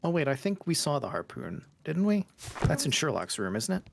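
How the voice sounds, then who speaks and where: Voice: mid-range voice, very animated, brisk, vocal fry, noisy background. A streamer playing a detective game who gets sidetracked and explains things at length in casual chat.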